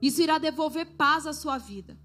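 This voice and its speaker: A woman's voice: high voice, animated, fairly quick, fairly bright tone, faint music behind. A woman pastor preaching a sermon to a congregation, exhorting them and asking for their response.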